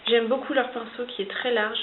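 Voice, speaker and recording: A woman's voice: fairly high pitch, fairly even intonation, a little fast. A French woman reviewing makeup in a chatty, hesitant way. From France. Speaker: beauty vlogger. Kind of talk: casual product review. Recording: hissy lo-fi home video, phone-like.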